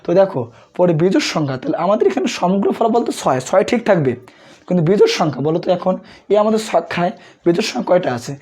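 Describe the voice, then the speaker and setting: A young male tutor from Bangladesh teaches a revision math class with a sore throat. His voice is husky and dark, and he talks fast, firing questions at his students and answering them himself. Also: sits high.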